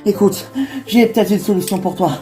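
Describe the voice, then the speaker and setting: Lady playing an urgent guy on the phone, strained, higher voice, toy soap drama. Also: a little fast, over music, natural voice. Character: breathless young man with a weak heart.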